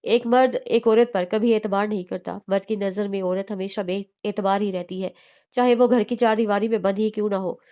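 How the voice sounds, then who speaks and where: Audiobook narrator: woman, steady read of a romance novel, small restarts. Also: medium pitch, moderate pace, smooth. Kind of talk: reading a romance novel aloud.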